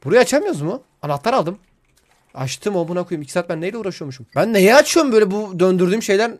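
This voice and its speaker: Young man, horror game commentary, high voice, swings wildly up and down, yelps and swears, faint music behind. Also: fast. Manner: excitable, yelps and shouts in fright, swears a lot; talks to viewers directly. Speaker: streamer.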